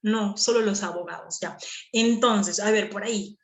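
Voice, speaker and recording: A female teacher lectures her class in a lively, animated manner. She keeps stopping to ask her students whether they follow. Her voice sits at a medium pitch and echoes through the room. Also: normal speed. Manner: animated, with frequent checking questions. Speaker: language teacher.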